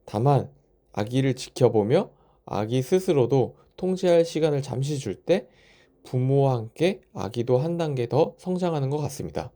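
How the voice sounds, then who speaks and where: Young dad doing reflective vlog narration, soft mellow tone, man's voice. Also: mid-range voice, lively intonation, moderate pace. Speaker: new father narrating a parenting vlog.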